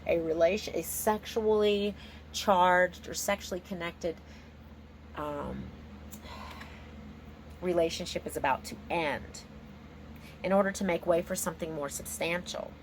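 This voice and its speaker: Female tarot reader, lowish voice, off-the-cuff and slangy with exclamations, some background noise. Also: unhurried, pauses often. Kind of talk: casual, improvised tarot card reading commentary.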